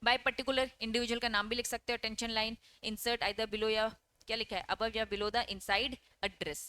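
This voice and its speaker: Clean-toned and bright, with a forceful, level delivery on the high side, a woman lectures online at a measured pace with no echo. It's exam prep: she reads English lines from the text, explains them, asks and answers her own questions for her students, and keeps checking in with "okay?".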